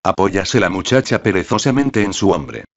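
A man narrating a classic novel as an audiobook, in a measured storytelling manner. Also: low-pitched, big pitch swings, highs cut off. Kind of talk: scripted literary narration.

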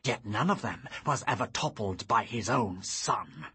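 A deep, growling old tyrant king, stern and full of wrath, as an audiobook narrator puts him on. He speaks slowly with a husky, breathy edge and a forceful, bright tone. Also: lively intonation, exaggerated voice. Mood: furious. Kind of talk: audiobook character reading.

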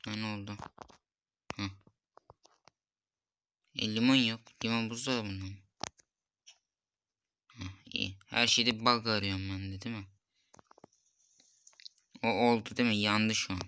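A young man comments on a cooking game in an unhurried, drawn-out way. His voice sits a little low but has a bright, sharp edge. He mutters, reads the recipe steps aloud and grows openly exasperated when things go wrong. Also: fairly even intonation, slight background noise. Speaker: gameplay streamer. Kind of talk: casual gameplay commentary.

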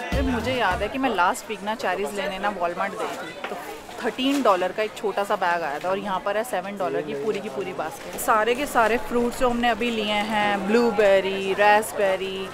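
Camera held out at arm's length, a young woman chats casually with her viewers at an outdoor farmers market, addressing them as "bhai" and blending in English. She speaks in a mid-range voice at a moderate pace over loud music and the surrounding crowd.

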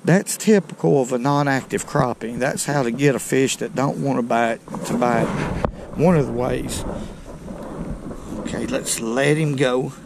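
At a measured pace and with a creaky, mid-range voice, an older man with a drawl rambles through a casual tackle explanation for his fishing channel. He's out on a river in a small boat. The action camera on board picks up a noisy background.

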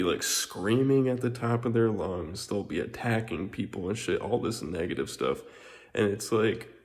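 Low gravelly man rambling. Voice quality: frequent filler words and swearing, repetitive. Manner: meandering, restarts, occasional laughs. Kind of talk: rambling monologue commentary.

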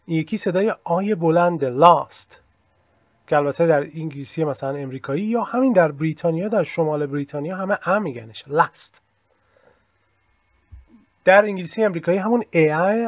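A Persian-speaking man with a fairly high voice, recorded dry, teaches an English lesson over screen share, explaining at length with modest asides and plenty of examples.

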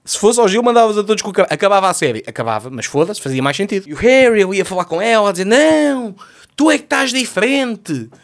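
A man rattles through a comedic TV recap in a high, quick voice. He is sarcastic and swears freely. The recording is dry and close. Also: very animated, dry recording. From Lisbon, Portugal. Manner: sarcastic, profane, exasperated.

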